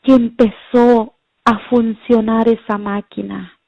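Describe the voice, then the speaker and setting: A woman's voice: a little high, little pitch movement, slow, gravelly, no echo. A middle-aged woman giving an earnest, prayerful religious testimony and often calling her listeners brothers and sisters. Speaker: mother giving a faith testimony. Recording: dull lo-fi recording.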